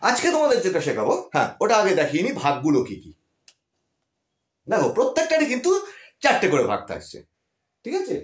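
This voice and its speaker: In an echoey room, a grammar teacher with a West Bengal Bengali accent speaks quickly in a high voice whose pitch swoops wildly, pausing often. He patiently goes over key words again and again and keeps checking whether his students follow.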